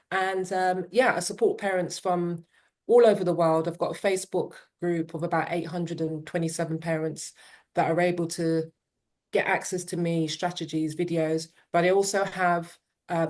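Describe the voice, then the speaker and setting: A woman's voice: on the low side, a little mellow. A middle-aged woman, a parent and teen coach, telling her story in an interview with an earnest, reflective manner and frequent "um" and "yeah".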